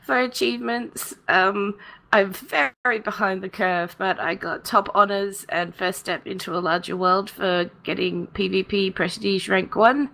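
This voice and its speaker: A woman co-hosting a casual podcast, her voice husky from feeling a bit unwell, chatty and quick to giggle. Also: mid-range voice, steady tone, pushed and bright. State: husky, a bit under the weather. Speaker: co-host.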